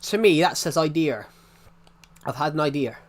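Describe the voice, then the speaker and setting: Lively in intonation and somewhat high-pitched at normal speed, this young game streamer from outside London speaks with a thick regional British accent. Chatting casually on his live stream, he rambles, says things more than once and frequently starts sentences over.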